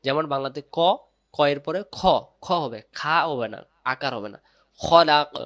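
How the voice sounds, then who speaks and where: A man teaching Quran recitation step by step, drilling syllables slowly and repeating words loudly for emphasis. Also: on the high side, lively intonation, no room sound, studio quality.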